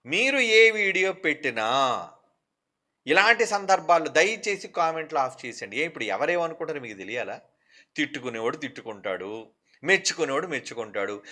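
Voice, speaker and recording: A man's voice: on the high side, pushed and bright. A man preaching an impassioned sermon, firing rhetorical questions and scolding and pleading in turns.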